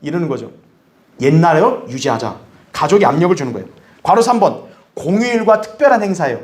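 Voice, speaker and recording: A man pastor teaching a Bible study, animated, asking the congregation questions and acting out what others might say. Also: a little high, fairly quick. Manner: animated, acts out others' remarks in a raised voice; asks the audience questions. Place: church hall.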